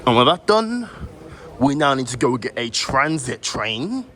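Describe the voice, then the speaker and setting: A man's voice: mid-range voice, very animated, measured pace, bright, forceful tone. A man giving casual travel vlog commentary while on the move. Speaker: travel vlogger. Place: on the move in plane and airport. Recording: clear background travel and engine noise.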